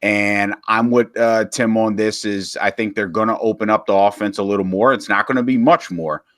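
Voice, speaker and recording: Low-voiced man breaking down stats. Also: fairly even intonation, a bit bright, dry recording, clean studio sound. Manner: measured, reasoning through stats. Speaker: podcast co-host. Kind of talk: casual sports podcast chat.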